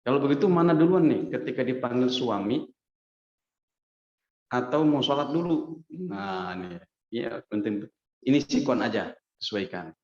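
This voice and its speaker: A man preacher giving a casual, lively hadith lesson in a mosque, often turning to his listeners and acting out quotes. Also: medium pitch, moderate pace, pauses often. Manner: lively, addresses listeners as Pak, acts out quotes. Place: mosque hall. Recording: echoey dull mosque recording.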